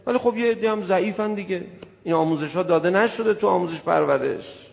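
Guy preaching in a big echoey hall, chatty and animated, muffled lo-fi sound. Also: high voice, vocal fry. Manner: animated, acts out little scenes and voices. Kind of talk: colloquial sermon to a gathering. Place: hall with an audience.

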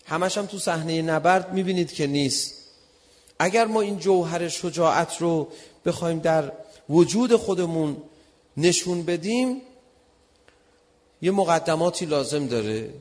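A man with a fairly high voice delivers a sermon and tells a personal story with lively energy. He acts out heated exchanges as he speaks. His voice rings out with a long reverb in a large hall. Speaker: preacher.

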